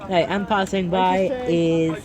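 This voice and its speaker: A man's voice: sits high, little pitch movement, slow pace, a crowd in the background. A man giving casual running commentary on trains from a station platform. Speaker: trainspotting video host. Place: outdoors on a railway station platform. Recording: outdoor platform noise, passing trains. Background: trains and outdoor ambience.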